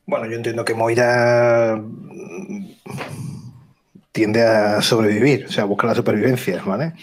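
A man's voice: fairly low pitch, little pitch movement, a little slow. A man playing a tabletop role-playing game, thinking aloud about his character's moves with some hesitation. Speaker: player. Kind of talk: casual game talk.

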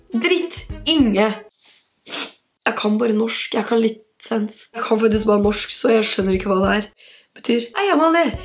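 An eighteen-year-old woman talking casually to camera, with a slightly high voice. She answers comments with sarcastic, snappy retorts, and a faint music bed plays under her. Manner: sarcastic, quick-tempered retorts. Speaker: YouTuber reading hate comments. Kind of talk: casual vlog.

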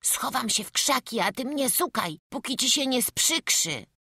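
A woman's voice: on the high side, animated, a little slow, creaky, bright, forceful tone, husky, no echo, clean studio sound, voice pushed up, exaggerated voice. A woman voicing a small homesick peasant boy who talks with a childish dialect lisp. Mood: defiant.

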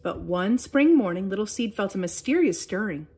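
A woman leading children's chapel, reading a children's story aloud with lively storytelling emphasis. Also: mid-range voice, moderate pace.

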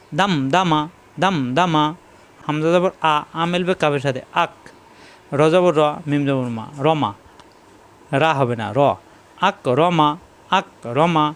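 A man's voice: fairly high pitch, fairly bright tone. A man teaching Quran reading in Bengali with a Bangladeshi accent, spelling out Arabic syllables one at a time in a patient, repetitive drill. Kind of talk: slow spelling drill lesson.

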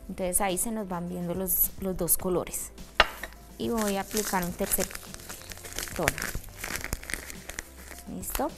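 A woman teaching a step-by-step craft demonstration, checking in often with a quick "ready?" between steps. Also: mid-range voice, fairly even intonation, very noisy. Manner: checks in with a frequent "¿listo?". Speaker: craft instructor.

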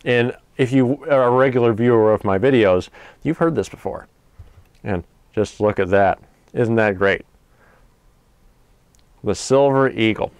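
A man hosting a vintage tech video, talking casually in a relaxed, rambling, wry way, heard through an old carbon microphone in a room at home. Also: medium pitch, unhurried, long pauses, clean tone, dry recording. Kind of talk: casual demo talk. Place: home room with pillow fort. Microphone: 1930s carbon microphone. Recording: hissy vintage carbon mic.

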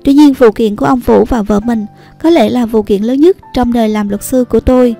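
A woman narrating a scripted news report in a steady, even read. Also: on the high side, brisk, vocal fry, soft background music. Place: voice-over recorded apart from the pictured places.

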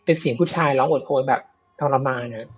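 A man's voice: mid-range voice, fast, breathy edge, dull audio. A man telling a ghost story in a casual, chatty way, with many fillers and repeats, on a live show. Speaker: guest storyteller of ghost stories.

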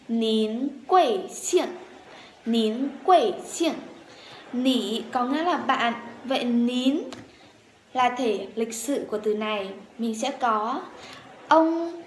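A woman teaching a language lesson, saying words slowly and repeating them several times for learners to copy. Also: on the high side, echoey room, slight background noise. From Vietnam.

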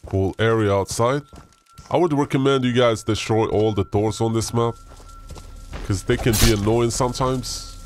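Man through a pitch-lowering voice changer. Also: normal speed, faint music behind. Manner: taunting, trash-talking other players. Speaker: gamer playing as the killer. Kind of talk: live gameplay commentary.

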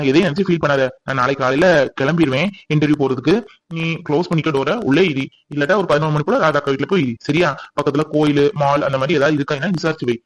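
A man's voice: on the high side, a little mellow, natural voice, poor audio. A man playing a protective young husband who reassures his wife firmly. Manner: firm, reassuring, bossy. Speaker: actor. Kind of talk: family comedy-drama acting.

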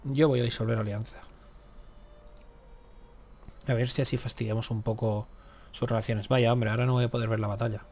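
A gaming YouTuber with a mid-range, slightly mellow voice talks fast and flatly in casual let's-play commentary on a strategy game. He mutters to himself, grumbling and cursing at the game.

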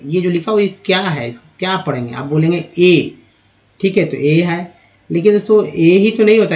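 Man, English tutor, patient letter-by-letter spelling, a bit high-pitched, muffled recording. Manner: patient, spells words letter by letter, addresses viewers as friends. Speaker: English teacher. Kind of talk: Hindi-language English pronunciation lesson. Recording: dull lo-fi recording.

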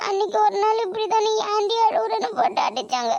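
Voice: very high-pitched, big pitch swings, fairly quick, creaky, dull audio, a crowd in the background, heavily acted. A performer voicing a tearful, sulky young schoolgirl in a cartoon, who whines and complains. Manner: whiny, crying and complaining. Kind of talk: cartoon voice acting.

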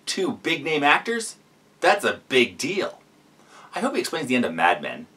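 A man's voice: medium pitch, huge pitch swings, normal speed, distant mic, background noise. A man hosting a reaction video, giving sarcastic, explanatory commentary.

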